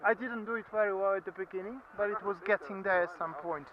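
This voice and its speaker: A man's voice: high-pitched, quick pace. A man answering casually in an interview as a ski student. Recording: dull, muffled sound.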